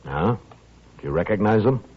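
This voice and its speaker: An American actor playing a stern, dogged, terse town marshal in a 1950s radio western. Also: male voice, lowish voice, animated, moderate pace. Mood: probing. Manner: terse, probing, authoritative. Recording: muffled vintage 1950s radio recording.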